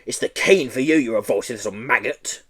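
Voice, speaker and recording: A man's voice: mid-range voice, a little fast, a bit bright, slightly rough. A man voicing a fierce schoolteacher woman who barks, bawls and sneers at her class. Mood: harsh barking. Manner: barking, bawling, sneering.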